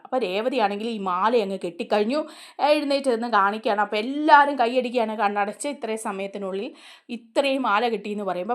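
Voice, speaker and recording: A woman with a somewhat high-pitched voice is casually recapping a TV drama for her audience. She talks in a chatty way and keeps turning to speak directly to the listener. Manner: chatty, retells scenes and often adds a friendly tag addressed to the listener. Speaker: serial review host. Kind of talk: casual storytelling recap of a TV serial.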